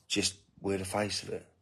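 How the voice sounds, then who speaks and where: A man's voice: fairly low pitch, slightly rough. A man hosting a casual live stream, greeting viewers and answering comments in a rambling, self-interrupting way with indignant asides while he feeds his baby. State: feeding a baby while talking. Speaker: family channel host reading live comments.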